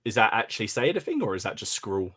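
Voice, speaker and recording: A man's voice: lowish voice, sing-song, quick pace, pushed and bright. A man co-hosting a podcast, chatting casually, laughing and breaking off his own sentences. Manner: chatty, laughing, self-interrupting. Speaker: podcast co-host. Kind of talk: casual chat.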